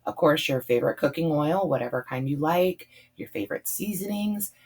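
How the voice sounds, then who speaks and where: A woman with a lilt talks through family dinners in a relaxed, chatty way, dropping ums and likes as she goes. Her voice sits very low and comes out husky and hoarse, worn from a lot of talking. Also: normal speed. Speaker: budget meal planning vlogger. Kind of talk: casual voice-over.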